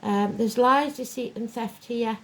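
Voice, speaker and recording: A woman's voice: fairly high pitch, measured pace, a bit bright. A woman giving an informal horoscope reading in a plain-spoken, rambling way, as host of a zodiac series. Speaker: tarot and astrology reader, host of a weekly zodiac reading. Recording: clear fan noise behind the voice. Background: whirring fan.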